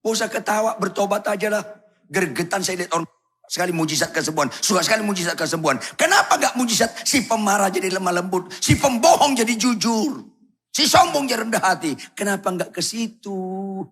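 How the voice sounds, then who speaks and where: Blunt slangy pastor guy, kinda high and husky, shouts then goes low. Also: lively intonation, fairly quick. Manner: blunt, provocative, shouts and drops low for effect. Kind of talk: sermon.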